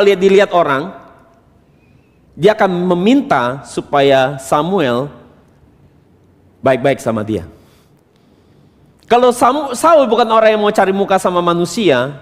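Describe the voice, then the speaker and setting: A male pastor preaching a sermon from Indonesia, asking rhetorical questions and swinging between quiet asides and loud emphatic bursts. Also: a little high. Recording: reverberant church hall.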